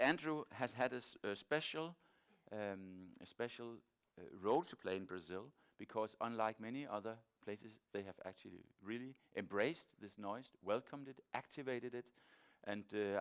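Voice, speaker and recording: A man moderating a conference session, introducing speakers informally and haltingly as he searches for words. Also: on the low side, clear, resonant tone.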